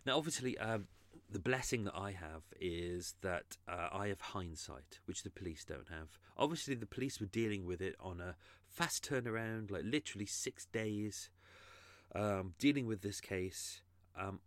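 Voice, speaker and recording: Man, podcast host, low voice, dry close sound, earnest, explanatory. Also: no echo. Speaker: true crime podcast host. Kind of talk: casual spoken monologue.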